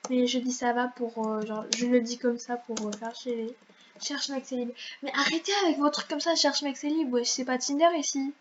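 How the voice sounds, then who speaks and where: A woman's voice: sits high, fairly even intonation, moderate pace, background noise. A woman chatting casually over her gameplay as a YouTuber, in a slangy way full of fillers. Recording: slightly dull lo-fi mic.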